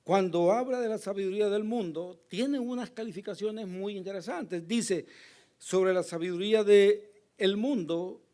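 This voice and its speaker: A male pastor preaching a sermon with a hoarse voice, earnest and emphatic, pausing to address the congregation. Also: high-pitched, warm tone. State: hoarse, recovering from lost voice.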